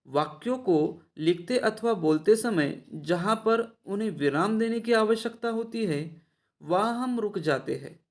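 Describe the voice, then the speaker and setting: A man teaching an online Hindi grammar lesson in a measured way, speaking to his students directly. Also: a little high, darkish tone. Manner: measured, addresses the students often.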